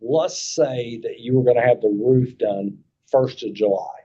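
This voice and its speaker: A man's voice: mid-range voice, measured pace, mellow, slightly rough. A man with a Kentucky accent explaining things at a meeting in a folksy way, repeating points and checking that listeners follow. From Kentucky, United States. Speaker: insurance agent presenting to committee. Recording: dull lo-fi meeting audio.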